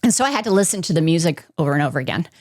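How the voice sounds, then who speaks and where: A middle-aged woman, a podcast guest, reflectively telling a personal story with many pauses and fillers. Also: low voice, very animated, darkish tone, no echo, studio quality.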